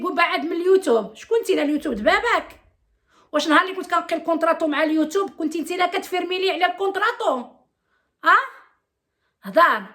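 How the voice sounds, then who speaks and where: Moroccan woman vlogger, high and bright voice, indignant rant full of rhetorical questions. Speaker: YouTuber. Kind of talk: angry vlog rant to viewers.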